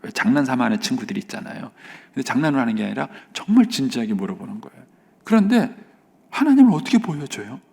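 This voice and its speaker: A middle-aged man with a gravelly, creaky voice delivers an early-morning sermon from a church sanctuary. He speaks earnestly and keeps dropping into a hushed near-whisper to drive home his points. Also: medium pitch, big pitch swings, fast. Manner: earnest, often drops to a soft near-whisper for emphasis. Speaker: pastor. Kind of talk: dawn service sermon.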